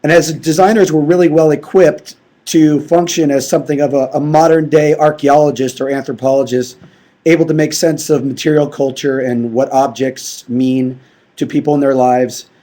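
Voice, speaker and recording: A man's voice: on the high side, fairly even intonation, moderate pace, dark tone. Man with a tired voice presenting design. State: short of voice, clearing throat. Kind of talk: conference presentation.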